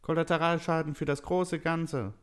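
A man's voice: a little high, steady tone, moderate pace, clean tone, voice pushed up, natural voice. A man voicing a scheming, gloating male Christmas elf in a storybook reading. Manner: gloating, sneering.

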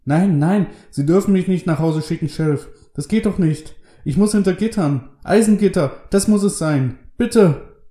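A man voicing a desperate, lonely farmer who stammers and pleads in a shrill voice, in a storybook reading. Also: fairly even intonation, fast, hardly any pauses, warm tone, echoey room, close to an everyday voice. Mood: frantic pleading.

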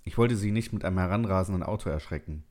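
A man reading a story aloud in a calm, measured first-person narration. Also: low voice.

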